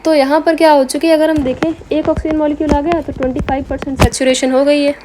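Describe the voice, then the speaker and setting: A woman's voice: high-pitched, flat delivery, fast, background noise. A woman teaching biology in a lecture, asking herself rhetorical questions and answering them, with terms. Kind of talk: explanatory lecture.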